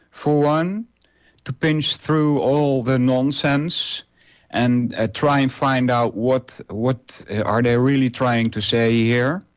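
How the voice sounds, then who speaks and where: His pitch is medium: a native Dutch speaker in his forties running an internet radio show alone, speaking off the cuff with frequent filler sounds and false starts.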